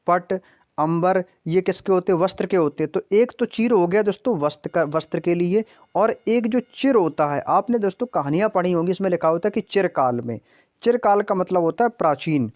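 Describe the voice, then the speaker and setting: A man's voice: high-pitched, a little mellow, dry recording, dull audio. A man teaching an exam-prep grammar lesson, often asking questions and answering them himself. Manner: repeats questions to the class, calls listeners "friends". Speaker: Hindi teacher.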